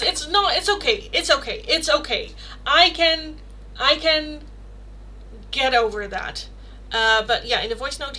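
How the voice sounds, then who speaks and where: Over a noisy background, a young Rotterdam-accented Dutch woman gives a relaxed livestream tarot reading, her fairly high voice chatty and meandering as she answers chat questions, full of fillers and corrections of herself.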